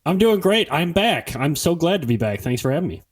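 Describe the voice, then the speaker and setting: A man's voice: a little high, big pitch swings, brisk, dry recording, far from the mic. A man appearing as a guest on a film podcast, talking enthusiastically and bluntly, swearing casually.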